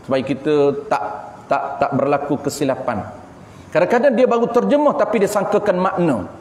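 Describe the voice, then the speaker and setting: A man's voice: fairly high pitch, normal speed, darkish tone. A man with a Malaysian Malay accent teaching a religious class, explaining terms patiently and asking and answering his own questions. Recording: echoey hall with faint background noise.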